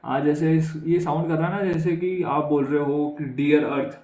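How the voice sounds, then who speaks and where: Speaking at a moderate pace in a slightly high, warm voice with a steady tone, a man with an Indian accent teaches English vocabulary for exams. He keeps it conversational, repeatedly asking students questions and calling them "guys." The sound is roomy and the recording rough.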